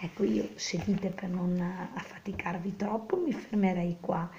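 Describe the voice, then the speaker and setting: A woman's voice: on the low side, fairly even intonation, unhurried, a little mellow, highs cut off, slight background noise. A woman teaching a class, who reads verses aloud and then paraphrases them in simple words for her students. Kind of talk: explaining a poem to students.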